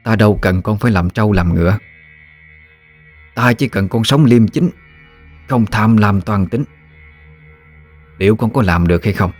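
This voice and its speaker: A man voicing a stern elderly grandmother who speaks slowly and calmly with firm authority. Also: on the low side, faint music behind. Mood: stern commanding. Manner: slow, calm, authoritative.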